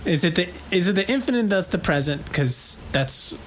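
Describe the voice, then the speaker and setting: A man co-hosting a casual philosophy podcast, asking questions in an excited, rambling way. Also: high-pitched, moderate pace, a little hiss or hum. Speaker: podcast co-host.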